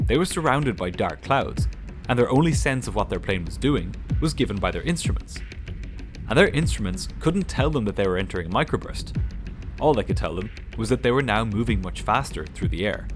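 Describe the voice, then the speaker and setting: A man giving scripted documentary narration in a measured, explanatory way. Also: on the low side. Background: music.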